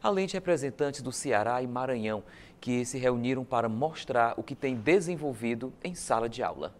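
A man's voice: mid-range voice, lively intonation, moderate pace. A male news anchor reading a script formally in a TV studio.

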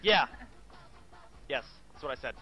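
A man streaming a game live, chatting casually, bossing his viewers around with excitable, profane outbursts. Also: a little slow, highs cut off, soft background music.

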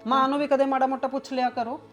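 A scheming mother-in-law, played by a woman in a homemade family drama scolds and lectures with a suspicious edge. Her voice sits a touch high, with soft music faintly under it. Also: little pitch movement, fast, lightly acted. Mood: lecturing. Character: scheming nagging middle-aged mother-in-law.

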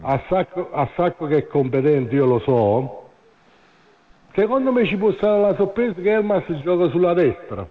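A man's voice: high-pitched, lively intonation. Man calling in over a tinny phone line. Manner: halting, repeats himself, lots of "eh" fillers. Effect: heard over a phone line. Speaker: caller. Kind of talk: phone-in chat about football. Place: calling in to a live radio show. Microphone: mobile phone.

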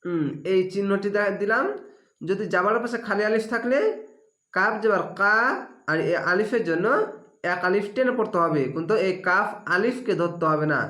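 Male teacher, high-pitched, patient spelled-out drill in a reverberant room. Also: sharp tone. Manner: spells letters and vowel marks aloud, drawn-out recitation; asks and answers his own questions. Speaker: Quran reading teacher. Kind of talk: slow spelled-out recitation lesson. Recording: echoey room.

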